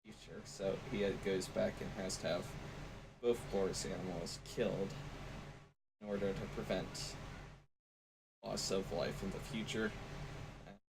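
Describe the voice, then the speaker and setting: A man's voice: low-pitched, level tone, a little slow, gravelly, long pauses. A young man co-hosting a casual podcast, rambling with lots of fillers and hesitations. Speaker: podcast co-host. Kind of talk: casual chat. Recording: noisy home recording.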